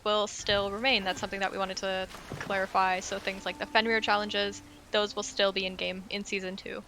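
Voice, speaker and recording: A woman's voice: medium pitch, pushed and bright, a little hiss or hum. A woman co-hosting a live game community stream, upbeat, explaining updates and answering chat questions.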